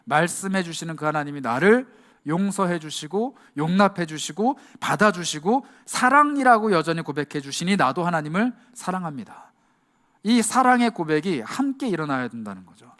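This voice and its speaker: A male youth pastor delivering an impassioned sermon, shifting to a hush at key words and acting out quoted lines. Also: fairly high pitch, very animated, moderate pace.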